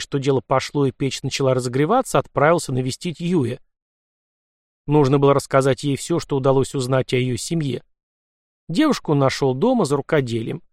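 Expressive male audiobook narrator. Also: medium pitch, no room sound, clean studio sound. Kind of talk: scripted narration.

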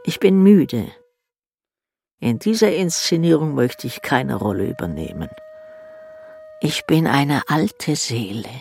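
A woman playing a weary, cryptic, self-aware AI assistant, musing theatrically in a husky, gravelly voice. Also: sits low, lively intonation, darkish tone, heavily acted. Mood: weary, defiant. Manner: slow, theatrical, swooping, musing.

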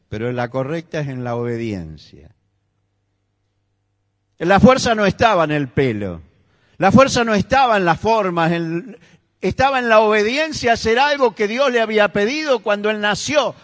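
High-voiced Rioplatense pastor preaching emphatically. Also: male voice. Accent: Rioplatense Spanish. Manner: emphatic preaching, rising to near-shouts. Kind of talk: sermon. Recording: echoey church hall.

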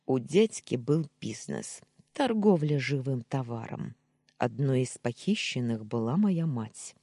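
A narrator reads a first-person story at a slow, deliberate pace. The voice is husky and dark in tone. The sound is close and dry. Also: medium pitch, lively intonation, no room sound. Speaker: audiobook narrator.

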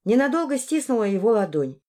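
Female audiobook narrator, mellow and even, first person. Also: on the high side, a little fast. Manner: even, storytelling delivery.

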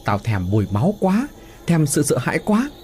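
A man's voice: on the high side, wildly swooping pitch, moderate pace, darkish tone, soft background music, pitched above the performer's own voice. A man voicing a cruel, blood-hungry demon. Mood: menacing. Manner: taunting, menacing. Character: bloodthirsty vengeful demon spirit, cruel and mocking.

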